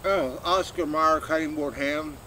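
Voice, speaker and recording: A middle-aged vlogger's voice is a little high, bright, and forceful yet steady as he eats and chews through a casual mukbang chat addressed to one person, rambling haltingly with trailing pauses. The shady grassy backyard setting comes through a camera a few metres away, with insects, distant vehicles, and outdoor background noise.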